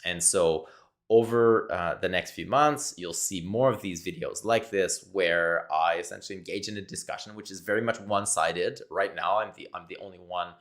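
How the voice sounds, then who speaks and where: A man from Quebec, Canada, whose first language is French speaks English with a Québécois accent in a low, slightly bright voice at a moderate pace. Talking solo into the camera mic, he searches for his words, repeats himself and thinks aloud.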